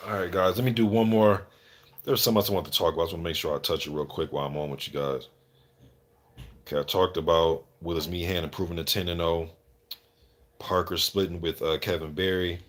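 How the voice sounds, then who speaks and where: He's a fast talker with a low-pitched voice and fairly even intonation. Hosting a live boxing stream, this commentator chats casually with viewers in slangy speech that includes some cursing.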